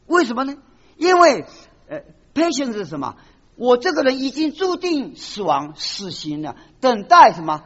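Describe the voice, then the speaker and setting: A man preaching a sermon with animated delivery, acting out short quoted voices and slipping in English words. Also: very high voice, normal speed, long reverb tail. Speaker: pastor. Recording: dull lo-fi recording.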